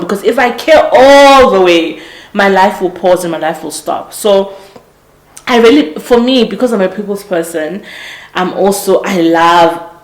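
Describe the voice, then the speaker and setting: A woman in her late twenties hosts a podcast, delivering a casual motivational monologue in a mid-range voice. She speaks earnestly and reflectively, often restarting and correcting herself mid-sentence. The sound is roomy and the audio quality is poor.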